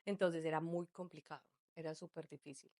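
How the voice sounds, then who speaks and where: A woman's voice: low voice, fairly even intonation, fairly quick, dark tone, dry recording. Colombian woman telling her story, dry sound. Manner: chatty storytelling, full of fillers like "pues" and "entonces". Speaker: guest, migrant mother. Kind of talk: casual conversational interview.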